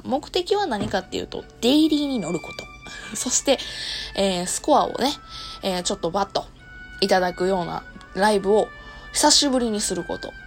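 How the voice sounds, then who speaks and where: A woman host with a Kansai accent talks casually to her listeners in a worn, hoarse voice. Her pitch sits fairly high and swings in an animated way, and she laughs often. Soft music plays behind her. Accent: Kansai Japanese. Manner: laughs often while talking. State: hoarse, worn voice after long streaming. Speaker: host of an audio talk show and live streamer. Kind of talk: casual solo talk to listeners.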